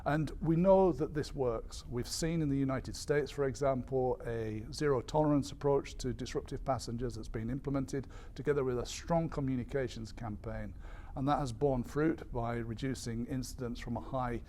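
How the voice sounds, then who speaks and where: Hesitant male industry spokesperson, measured delivery. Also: mid-range voice, warm tone, a little hiss or hum. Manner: measured, hesitant, with frequent ums and repeated words. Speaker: airline industry association spokesperson. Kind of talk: explanatory briefing to media.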